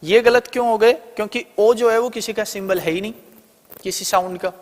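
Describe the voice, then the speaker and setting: A man's voice: high voice, a little fast, big-room sound. A man with an Indian accent teaching an online exam-prep lesson, explaining step by step and posing questions he then answers himself. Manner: explains step by step, often asking and answering his own questions.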